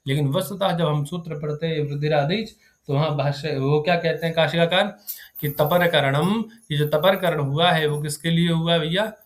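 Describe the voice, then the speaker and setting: A man with a slightly high voice teaches Sanskrit grammar in a classroom. He fires questions at his students and keeps asking whether the point is clear. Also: fairly even intonation, moderate pace. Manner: keeps checking if students understood. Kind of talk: live classroom lecture.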